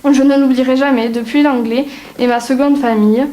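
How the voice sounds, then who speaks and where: A young woman performing a halting comic monologue at an acting casting. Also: high voice, steady tone, dark tone, natural voice, low-quality recording. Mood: hesitant. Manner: hesitant, halting with fillers.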